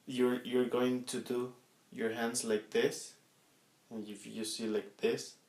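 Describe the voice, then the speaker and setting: A man giving an instructional demonstration, explaining step by step in a halting way with repeated words. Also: medium pitch, little pitch movement, darkish tone. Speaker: instructor demonstrating body percussion sounds. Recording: echoey room.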